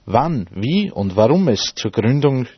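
A man's voice: medium pitch, sing-song, measured pace. A man reading a scripted radio report. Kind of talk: scripted narration. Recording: husky-sounding, dull, echoey room recording.

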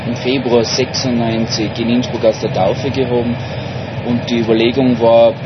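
Flat, halting man in interview. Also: medium pitch. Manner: halting, with frequent pauses. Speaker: board member being interviewed. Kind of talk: interview answer. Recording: dull sound with clear street noise.

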